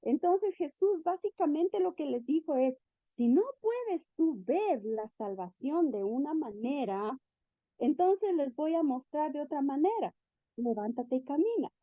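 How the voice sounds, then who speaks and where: A woman preaching a sermon in an animated way, asking the listeners questions and acting out the quotes. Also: high voice, unhurried, no room sound. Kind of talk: sermon teaching. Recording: dull, lo-fi recording.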